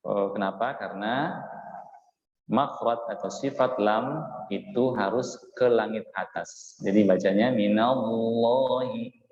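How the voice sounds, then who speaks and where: Slow-spoken man teaching Quran recitation. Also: lowish voice, darkish tone. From Indonesia. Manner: patient explaining, slow chanted recitation examples, frequent "ya" checks. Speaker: Islamic teacher. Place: mosque hall. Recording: echoey hall, dull lo-fi sound.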